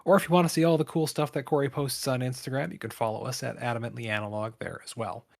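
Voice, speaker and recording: A man's voice: mid-range voice, steady tone, fast, vocal fry, a little mellow. Chatty laughing man co-hosting. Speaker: podcast co-host. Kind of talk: casual chat.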